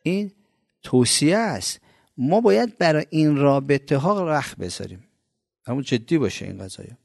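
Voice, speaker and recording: A man preaching a colloquial religious sermon, asking his listeners rhetorical questions and swinging between loud, pressing emphasis and soft asides. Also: a little high, lively intonation, vocal fry, no room sound, studio quality.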